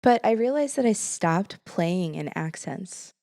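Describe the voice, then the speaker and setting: Laughing low-voiced woman podcaster. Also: expressive, unhurried, vocal fry, warm tone. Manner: laughs often, thoughtful and explaining. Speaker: podcast co-host. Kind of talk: casual chat.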